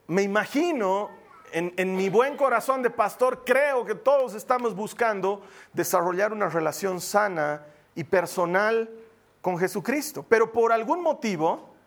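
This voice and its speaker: Male pastor, high voice, lively jokey sermon, church setting. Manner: lively, jokey preaching with acted asides. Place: church hall with congregation.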